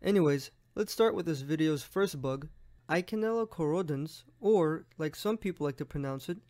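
A man's voice: a little high, moderate pace, a little mellow. A young man, friendly and explanatory, narrating a drawing lesson for a medical exam as its host.

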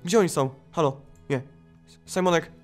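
A young man playing a father in a game role-play, narrating dramatically and swinging between scared mutters and shouts. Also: a little high, normal speed, faint music behind.

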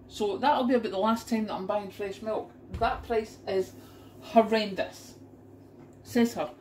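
A woman's voice: mid-range voice, darkish tone, a little hiss or hum, rough recording. Chatty middle-aged British woman in her kitchen. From United Kingdom. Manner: chatty and exclamatory, indignant about prices. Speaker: vlogger showing a grocery haul. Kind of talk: casual chat to camera. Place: home kitchen. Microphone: camera pointed down at a kitchen counter.

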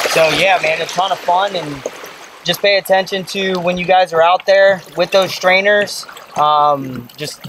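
A man in his thirties talks through his casting from a kayak in an easygoing way, full of "kinda" and "um." His voice sits a little high. Outdoor river noise stays clearly audible behind him. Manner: relaxed explaining, many "kinda" and "um" fillers. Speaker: arborist and kayak angler. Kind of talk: casual fishing how-to.

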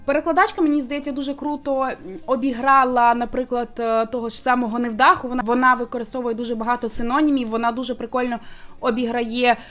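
A woman in casual chat, reviewing a manga and explaining her points with a steady flow of fillers. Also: on the high side, fast, soft background music. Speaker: booktuber co-host reviewing manga.

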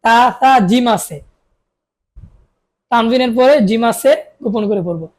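A woman teaching Quran reading, spelling out syllables and drawing them out slowly, asking questions and answering them herself, with a Bangladeshi Bengali accent. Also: fairly high pitch, darkish tone. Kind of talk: spelling-out recitation lesson.

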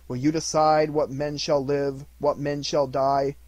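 A man's voice: a little high, little pitch movement, a little mellow, no echo, lightly acted. The Ghost, a stern solemn spirit, as a man voices it. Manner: grave, slow rebuking.

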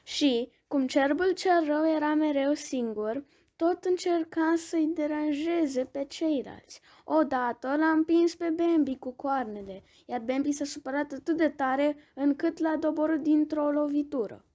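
A woman reading a bedtime story aloud, gentle and expressive, with small restarts. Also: sits high.

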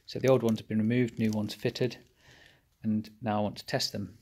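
A man's voice: fairly low pitch, level tone, moderate pace, a little mellow, breathy edge. A man narrating a workshop how-to, explaining each step plainly while he works at a bench. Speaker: engine rebuilder.

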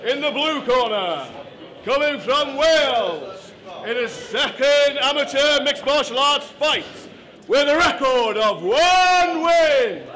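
A young man announcing fights like a boxing ring announcer, booming and drawing out names on a handheld microphone. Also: lively intonation, slow pace, sharp tone. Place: indoor cage fight venue. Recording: PA announcement over crowd noise.

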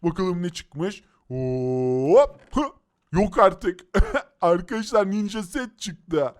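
Brief: young-sounding male gaming host with a high voice, jumpy and exclamatory. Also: slow, smooth. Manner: excitable, exclaiming, talks to viewers. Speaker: YouTube game host. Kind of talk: excited game commentary.

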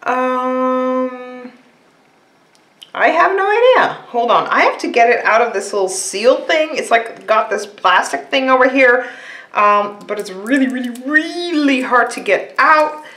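A woman's voice: sits high, lively intonation, unhurried, fairly bright tone, echoey room. A woman beauty vlogger chatting casually and rambling through a box unboxing, with frequent fillers.

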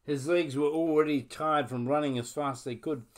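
A man with a New Zealand accent reading a children's story aloud in an expressive way, then speaking to a church congregation. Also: fairly high pitch. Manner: expressive storytelling, drawn-out phrasing.

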